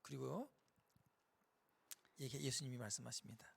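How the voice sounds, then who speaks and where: A man teaching a Bible lecture in a lively sermon style, acting out scenes in changing voices and speaking directly to his listeners. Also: mid-range voice, normal speed, gravelly, breathy edge. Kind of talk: animated sermon lecture with acted-out dialogue.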